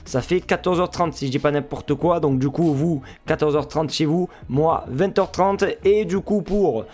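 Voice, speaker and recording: Chatty French man, higher voice. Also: normal speed, a little mellow. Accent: French (France). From France. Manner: jokey, chatty, addresses viewers as friends. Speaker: football fan YouTuber and Twitch streamer. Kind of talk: casual pre-match football analysis vlog.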